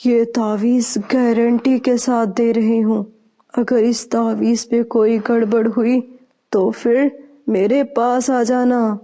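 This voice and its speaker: Woman doing a gruff old witch bird. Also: flat delivery, mellow, natural voice. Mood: scheming. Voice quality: deep mannish voice. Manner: slow, drawn-out incantations.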